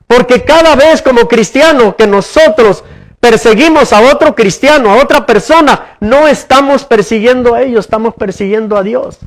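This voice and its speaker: A man with a strikingly high voice preaches to his congregation in a church. He poses questions to the listeners and circles back over his words in a sermon cadence. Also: moderate pace. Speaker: pastor.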